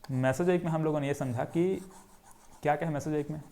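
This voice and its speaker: Young male teacher, a touch high-pitched, runs a lecture as repeated question and answer while drawing on a board. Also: fairly even intonation, fast, mellow. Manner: repetitive question-and-answer drilling. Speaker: geography teacher. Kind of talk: classroom lecture.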